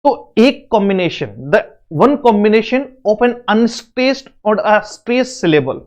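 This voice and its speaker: A man teaching an exam-prep literature lesson, mixing Hindi and English and repeating his points through rhetorical questions. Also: high-pitched.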